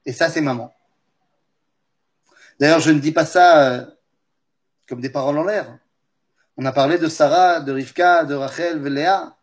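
A man teaching a religious class, telling a story in an animated way and speaking straight to his listeners. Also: a little high, normal speed, long pauses. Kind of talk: lively storytelling lesson.

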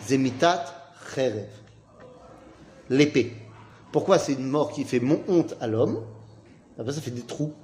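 A man's voice: medium pitch, animated, unhurried, pauses often, darkish tone. A man teaching an informal Talmud class, asking questions and then answering them himself in a casual, slangy way.

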